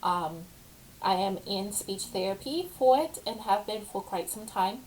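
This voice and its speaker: Young woman w/ a speech impediment, slow personal vlog chat, lots of ums. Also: mid-range voice, lively intonation, darkish tone, a little hiss or hum, low-quality recording. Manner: slow, halting, with many ums. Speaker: vlogger. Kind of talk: casual personal update.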